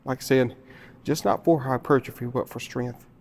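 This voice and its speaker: A man talks through his shoulder workout in a gym, slightly winded from a cold. He repeats himself to drive points home, in an ordinary mid-pitched voice picked up by the camera mic. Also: moderate pace, a little mellow, a little hiss or hum. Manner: explains with repetition, grunting effort between sets. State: out of breath. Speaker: fitness vlogger. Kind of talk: casual gym explanation.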